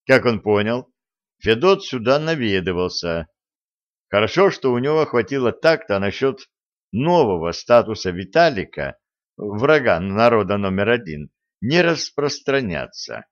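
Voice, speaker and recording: A man narrating a fantasy audiobook in an even, unhurried storytelling manner, on a dull lo-fi recording. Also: fairly low pitch.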